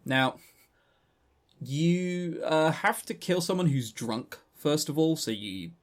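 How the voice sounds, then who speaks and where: With a fairly high, animated voice and a slow pace, a male podcast co-host casually reviews a game. He rambles through its story in a chatty manner, often stammering and restarting.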